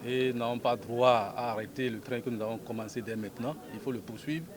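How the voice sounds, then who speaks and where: A man answers reporters in an emphatic, earnest way. His voice is of middle pitch. He stands outdoors at an airport with a crowd audible behind him. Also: a little fast. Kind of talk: press interview. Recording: outdoor interview with crowd noise.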